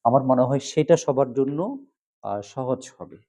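Male monk teacher, Bangladeshi Bengali accent, warm low-key tone, patient syllable drills. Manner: patient, repeats syllables slowly for practice. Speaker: Buddhist monk teaching Pali pronunciation. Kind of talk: pronunciation lesson.

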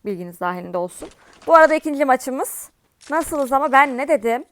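A woman with a high voice hosts her own gaming channel, talking viewers through a match in a loose, chatty way. She often bursts out in exasperated complaints and shouts at opponents. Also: expressive, brisk, dry recording. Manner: chatty, with frequent exasperated outbursts at the game. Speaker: gaming streamer. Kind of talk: casual gameplay commentary.

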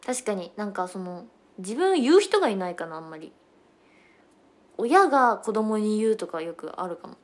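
Young woman doing a casual idol livestream, chatty, hops between dialects, mid pitch. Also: very animated, normal speed. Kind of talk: casual livestream chat with viewers.

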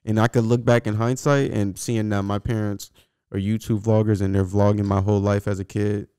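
A young man co-hosts a casual, slangy podcast from a small indoor room, repeating himself as he argues his point. His fairly low voice moves little in pitch and comes fairly quickly, mellow, clear and resonant on a close boom-arm microphone.

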